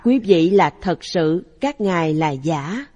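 A woman reading a Buddhist dharma talk aloud in a calm, even, measured way. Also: fairly low pitch, slightly rough. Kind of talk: slow read-aloud Buddhist sermon. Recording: long hall reverb.

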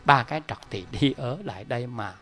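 A man's voice: mid-range voice, fairly quick. A middle-aged man giving a Buddhist dharma talk, telling stories animatedly and speaking straight to his listeners. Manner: animated, emphatic, addresses the audience directly. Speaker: Buddhist lay teacher.

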